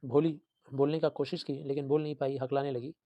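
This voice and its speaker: A male teacher retelling and explaining a story for students, animated and repetitive, switching between two languages. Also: medium pitch, a little fast, no echo. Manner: animated storytelling, code-switching, repeating for emphasis.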